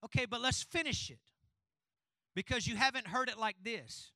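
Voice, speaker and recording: High, bright-voiced preaching man. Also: moderate pace, no echo, low-quality recording. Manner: call-and-response preaching, building to fervent shouting. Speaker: pastor. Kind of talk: sermon. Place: church sanctuary.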